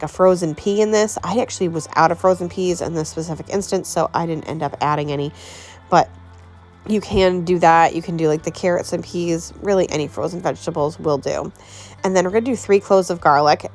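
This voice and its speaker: A woman's voice: on the low side, darkish tone. A woman chatting casually through a home cooking tutorial in her kitchen, laughing easily and peppering her talk with "like". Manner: chatty, laughs often, says "like" a lot. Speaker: home cooking vlogger and mom.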